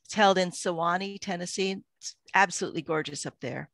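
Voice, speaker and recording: A woman's voice: fairly low pitch, fairly quick, creaky, fairly bright tone, no room sound. A woman hosting an online show over a video call, upbeat and playful. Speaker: host.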